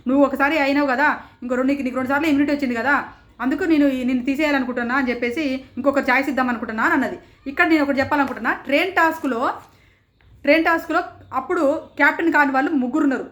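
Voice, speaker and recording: A woman, reviewing a reality show in casual commentary and animatedly retelling the arguments she recaps. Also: high-pitched. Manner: rapid, animated retelling with quoted exchanges.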